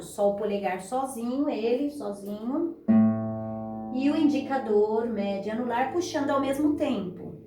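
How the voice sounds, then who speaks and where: Female guitar teacher, high voice, patient step-by-step delivery, roomy distant recording. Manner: patient, explains step by step, counts beats aloud. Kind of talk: beginner guitar lesson. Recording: echoey room, voice a bit far from mic, guitar playing.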